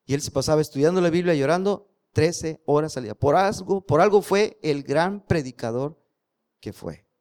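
A man's voice: a little high, moderate pace, a little mellow. A man preaching a sermon, telling stories and asking the congregation rhetorical questions.

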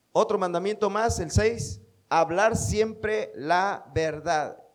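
A man with a Mexican accent preaching a sermon, emphatic and quoting scripture. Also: high-pitched. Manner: emphatic, quotes scripture, acts out quoted speech.

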